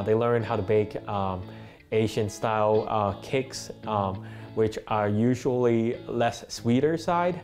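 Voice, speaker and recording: In a documentary interview in a bakery kitchen, a young Hong Kong man who works at the bakery and studies speaks thoughtfully, with many fillers. Cantonese is his first language, and his voice is lowish and a little mellow.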